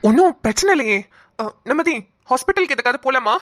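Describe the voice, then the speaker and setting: A woman's voice: sits high, animated, fairly bright tone, no room sound, clean studio sound. A woman voicing a young man, a shy childhood friend who hesitantly confesses his love. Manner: hesitant, halting speech.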